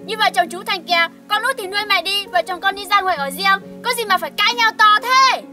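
Woman as a very high, bright-voiced young wife, fast and sharp-tongued. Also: over loud music. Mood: sharp arguing. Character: pushy young wife demanding to move out. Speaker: daughter-in-law.

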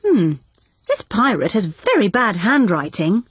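A woman with a British accent voicing a caring, gentle mother pig in a preschool cartoon. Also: medium pitch, huge pitch swings, unhurried, slight background noise. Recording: music behind the voice.

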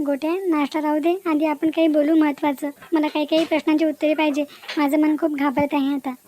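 A woman's voice: high voice, flat delivery, fast, warm tone, a little hiss or hum, lightly acted. A woman voicing a young educated village woman in a cartoon, upset and confronting the boyfriend she ran away with. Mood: worried. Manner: pleading then demanding, confrontational. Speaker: cartoon character. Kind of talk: Marathi cartoon voice acting.

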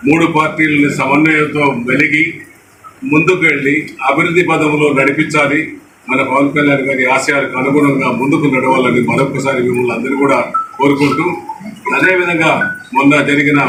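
A man from a local Telugu party gives a formal political speech, full of honorifics and thanks, at a party office opening. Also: on the high side. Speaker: party speaker. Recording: echoey, distant, noisy news mic.

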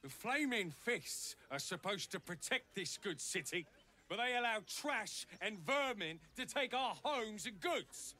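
A man's voice: sits high, lively intonation, a little slow, sharp tone, exaggerated voice. A man playing an indignant, haughty townsman in a fantasy game, making scornful, declamatory speeches against outsiders.

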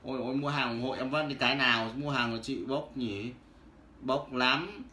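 A man, hawking goods on a casual livestream, loud and teasing as he calls out viewers by name. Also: medium pitch, normal speed. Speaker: livestream seller. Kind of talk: casual livestream sales patter. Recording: roomy with faint background noise.

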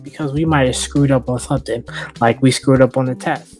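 A man's voice: mid-range voice, steady tone, a little fast, a little mellow. A man hosting a casual, sarcastic commentary, talking loosely and joking as he goes. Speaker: host. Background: background music.

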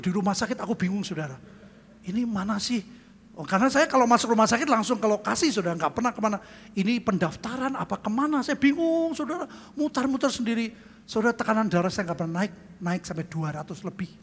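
An older man gives a storytelling sermon with a high voice, acting out the lines of the people in his story. He breaks into loud, high exclamations now and then. His voice rings with a long hall reverb over faint music. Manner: storytelling with acted-out dialogue, addresses crowd as saudara. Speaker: preacher. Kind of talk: sermon testimony.

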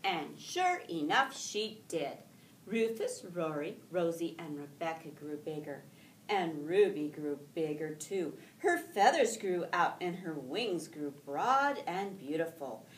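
The clip captures a middle-aged teacher in her school classroom reading a picture book to children, dragging out words for effect as she tells the story expressively and deliberately. Because the camera mic sits a few feet back, the sound is roomy and distant, with faint rumbling.

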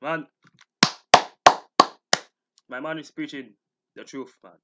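A man's voice: mid-range voice, animated, unhurried, fairly bright tone, muffled recording. A young man with a mid-range voice talks as the host of a casual online video. He reads aloud and reacts with slangy, incredulous commentary. His delivery has a mocking edge.

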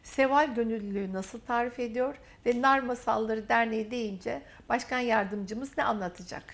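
A woman hosts a university TV interview, praising her guest with repeated, emphatic phrases in warm, effusive talk. Her voice is fairly high-pitched, and she speaks at a normal speed.

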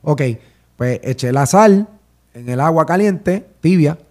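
A hoarse man, a singer, chatting casually on a podcast and telling a story, often asking if he is understood. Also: a little high, lively intonation, a little slow, a little mellow. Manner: storytelling, quotes others, says "¿me entiendes?". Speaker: podcast host. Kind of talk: casual chat.

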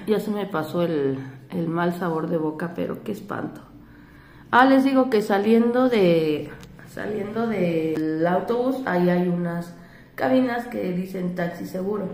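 A woman's voice: lowish voice, unhurried, echoey room, a little hiss or hum. A woman with a Mexican accent, shaken and upset, telling a rambling story to her vlog viewers while doing her makeup, with lots of "este" fillers. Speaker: vlogger.

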